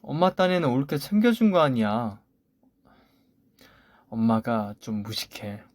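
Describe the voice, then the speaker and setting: An older sister-in-law coaxes and makes excuses in a smoothing-over tone, as a man reads her lines. The voice is mid-pitched and dry, close to the mic. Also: big pitch swings, unhurried, no room sound. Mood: placating. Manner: coaxing, excuse-making. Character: older sister-in-law, placating but blaming. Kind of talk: story radio voice acting.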